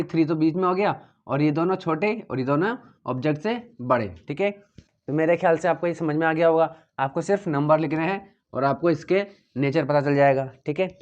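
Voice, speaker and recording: On a dull, lo-fi recording, a teacher with a slightly high voice leads students through physics one step at a time. He is steady and repetitive, revisiting points and frequently making sure they understand.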